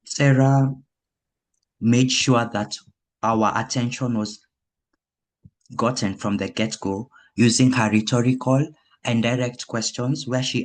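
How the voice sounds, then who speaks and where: A man giving a grammarian's feedback report in a meeting over a video call, measured and correcting himself mid-phrase. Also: mid-range voice.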